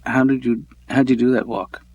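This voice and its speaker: Cast: an actor as a cartoon therapist, mild and deadpan, even mid voice. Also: male voice, mid-range voice, moderate pace, muffled recording, natural voice. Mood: dry. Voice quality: soft-spoken, dry deadpan. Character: mild, deadpan middle-aged male therapist.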